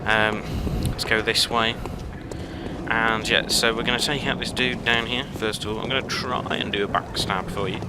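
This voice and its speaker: Brief: male game commentator, lowish voice, halting and rambling delivery, home headset recording with audible background noise. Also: fairly even intonation. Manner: rambling, halting, full of fillers and self-corrections. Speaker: let's play host. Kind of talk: casual gameplay commentary.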